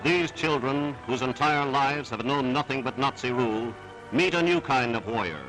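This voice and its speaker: A man's voice: medium pitch, moderate pace, rough recording. A man narrating an old wartime newsreel in an emphatic, declamatory style. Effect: old newsreel recording. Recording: newsreel narration over loud music. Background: music.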